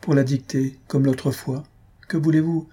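A man's voice: medium pitch, level tone, measured pace, dark tone, breathy edge, pitched above the performer's own voice. Man voicing a timid, anxious young woman. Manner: pleading, emotional.

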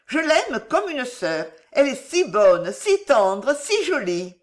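A woman's voice: sits high, very animated, slow pace, pitched above the performer's own voice, full character voice. A woman doing a passionate jealous young woman. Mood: earnest. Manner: emotional, pleading. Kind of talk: audiobook character reading.

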